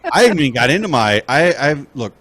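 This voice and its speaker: A man's voice: mid-range voice, sing-song, quick pace, a bit bright, no echo. A man hosting a talk show with crude, joking, casual banter. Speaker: show host.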